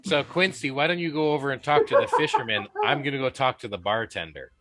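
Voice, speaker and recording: Bright-toned halting man. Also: mid-range voice, slight background noise. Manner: halting, full of fillers. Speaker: player. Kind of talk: tabletop role-play banter.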